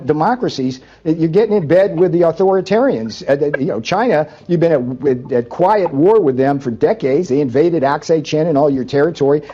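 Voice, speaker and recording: A man's voice: on the high side, warm tone. A man giving opinionated political commentary in a scolding, emphatic way, on dull lo-fi broadcast audio.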